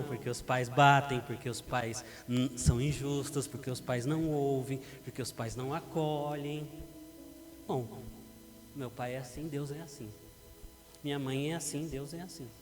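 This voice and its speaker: A middle-aged Brazilian man preaching a sermon as pastor, lively and acting out parents and teens in a church hall. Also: mid-range voice, moderate pace. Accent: Brazilian Portuguese. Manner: animated, acts out parents and teens. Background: background music.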